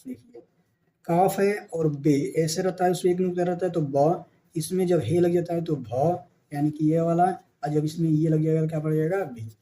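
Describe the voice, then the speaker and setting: Indian urdu guy teaching kids to read, mellow voice a bit high, sounds out each syllable. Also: flat delivery, a little hiss or hum. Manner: spells out letters and syllables slowly, asks and answers himself. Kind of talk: beginner reading lesson.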